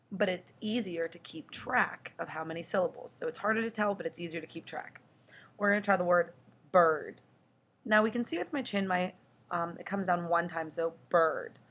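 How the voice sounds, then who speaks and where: Patient low-voiced woman teaching children. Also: a bit bright. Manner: slow and patient, drawing out the example words. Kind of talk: children's lesson explaining syllables.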